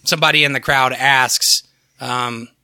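Bright-voiced man, chatty podcast co-host. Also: medium pitch, fairly even intonation, a little slow, clear, resonant tone, dry recording, clean studio sound. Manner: rambling, swears, works from notes. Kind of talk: casual chat about music.

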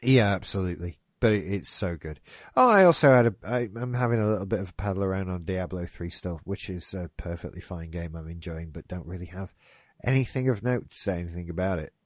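Lively and brisk, this low-voiced man hosts a casual gaming news podcast, rambling along with light swearing. He's coming down with a stuffy nose, and the studio-quality recording has no echo.

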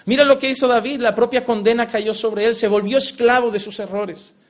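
A man preaching a sermon as pastor, repeating phrases and dropping to soft, slow emphasis. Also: very high-pitched, fairly even intonation. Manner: repetitive, rhetorical, addresses listeners directly.

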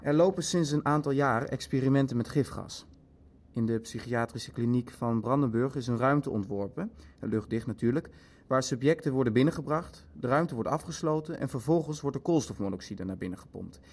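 In a radio play, a man voices a detached Nazi bureaucrat, clinical and hesitant, fussing over figures as he leafs through his facts in a factual tone. His medium-pitched voice is a little fast and slightly mellow, close to how he'd normally speak.

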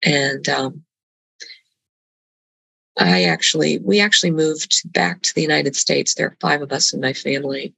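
Gravelly earnest woman on a call. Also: low voice, pushed and bright, no room sound, poor audio. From Colombia. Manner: earnest, halting, with restarts. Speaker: guest. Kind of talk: reflective conversation.

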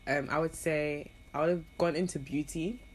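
A woman's voice: low-pitched, moderate pace, slightly rough. A young woman, chatting casually and playfully on a podcast about her dream jobs and her schooling. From Trinidad. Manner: playful, laughing, animated storytelling. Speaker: podcast guest. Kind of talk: casual chat.

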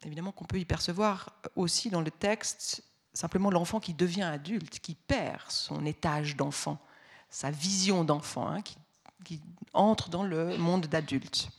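A woman's voice: fairly low pitch, unhurried, husky. Woman, music teacher, spoken lecture; patient, hesitant, many restarts. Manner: reads the ballad aloud with expressive voices.

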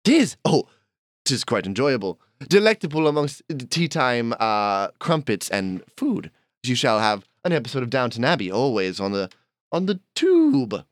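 A man's voice: mid-range voice, big pitch swings, normal speed, dry recording, lightly acted. A man voicing a pompous noble male llama lord with an affected posh accent, guest-hosting a comedy podcast. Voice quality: affected posh British-ish put-on accent, grandiose. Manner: pompous, rambling, theatrical. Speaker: guest host. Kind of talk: improvised comedy podcast character.

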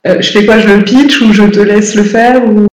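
A woman's voice: mid-range voice, fairly even intonation, normal speed, darkish tone, echoey room, low-quality recording. A woman in a casual chat, rambling with enthusiasm and searching for her words. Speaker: guest on a chat show.

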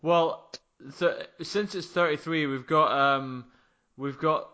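A man's voice: on the high side, slow, pushed and bright, lo-fi sound. A man in his thirties chatting casually about sport as a podcast co-host. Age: 30s.

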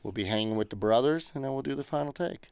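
Upbeat podcast host with a gravelly voice. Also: male voice, mid-range voice, fast talker, a little mellow, no room sound. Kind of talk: casual chat among brothers.

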